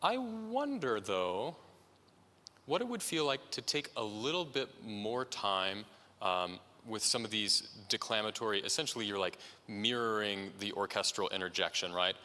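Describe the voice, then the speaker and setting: A man's voice: on the low side, expressive, normal speed, sharp tone. A man coaching a singer in an opera master class, encouraging and checking in often. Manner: breaks into sung and spoken musical phrases to demonstrate. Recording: long hall reverb, faint ambience.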